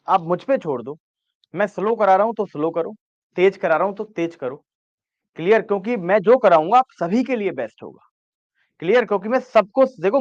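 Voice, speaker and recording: Male teacher, dictating notes, repeats each phrase, fairly high voice, dull dry recording. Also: no room sound. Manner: repeats each phrase slowly for note-taking; coaxing, checks understanding with "है ना?". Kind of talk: dictating a law lesson to students.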